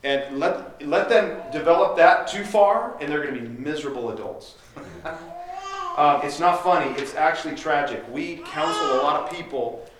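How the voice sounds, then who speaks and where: A man's voice: fairly high pitch, moderate pace, noisy background. A man preaching as a pastor, direct and earnest, acting out parents and children as he teaches. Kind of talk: sermon. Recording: echoey room, from far off.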